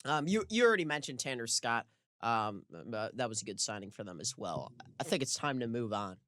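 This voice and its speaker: A man co-hosting a casual sports podcast, easygoing and quick to laugh, often pausing on "um". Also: mid-range voice, animated, a bit bright, no room sound, studio quality. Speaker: podcast co-host.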